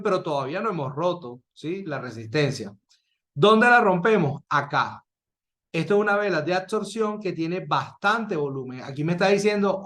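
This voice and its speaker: A man teaching trading while sharing his screen, explaining step by step, asking rhetorical questions and checking in with a quick "¿sí?". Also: a little high, a bit bright. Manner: checks in with a recurring "¿sí?". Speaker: trading instructor. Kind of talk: screen-share trading lesson.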